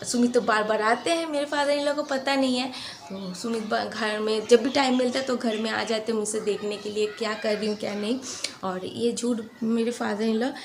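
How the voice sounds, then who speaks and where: Woman, young, chatty storytelling, a bit high voice. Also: steady tone, slight background noise. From West Bengal, India. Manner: chatty, earnest, rambling with pauses. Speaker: vlogger. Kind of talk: casual storytelling vlog.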